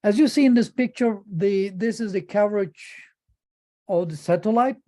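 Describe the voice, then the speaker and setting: Presenting informally, a middle-aged man from Turkey speaks with a Turkish accent in a high-pitched, very soft-edged, mellow voice. He talks haltingly, repeating words as he gropes for what comes next.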